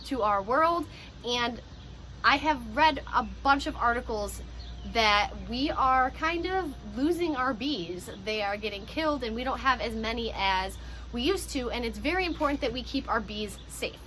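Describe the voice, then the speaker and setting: Here a woman who teaches pre-K brings a picture book to life for young children, cheering them on and slipping in comments as a teacher would. Her pitch sits fairly high.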